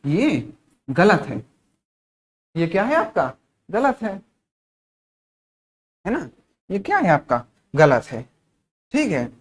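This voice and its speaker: A male teacher from India leads a spoken-English class. He drills each word slowly and repeats it, poses questions and answers them himself, and adds short check-ins throughout to keep students with him. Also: sits high, huge pitch swings. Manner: repeats words slowly, asks and answers his own questions; frequent checking-in tag phrases.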